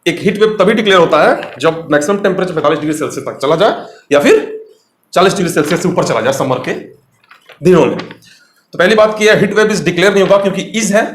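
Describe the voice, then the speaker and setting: A man gives an exam-prep grammar lesson, his voice sitting slightly high. He explains step by step and keeps quizzing the viewer. The small room around him is echoey. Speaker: English teacher.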